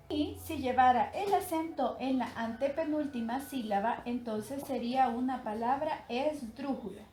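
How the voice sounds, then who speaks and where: A woman teacher giving a recorded grammar lesson for young pupils, explaining slowly and clearly, breaking words into syllables. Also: high voice, a little hiss or hum.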